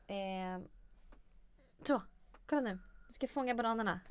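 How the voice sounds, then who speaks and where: A young woman co-hosting a podcast, chatting and telling stories in a lively, giggly way. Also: medium pitch, clean tone. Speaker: podcast co-host. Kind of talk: casual chat.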